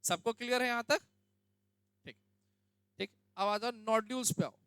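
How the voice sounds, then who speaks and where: A man's voice: high-pitched, moderate pace, sharp tone, clean tone, no echo. A young male teacher giving a classroom lecture, often asking students questions and checking that they understand. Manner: questions students, addresses them as beta.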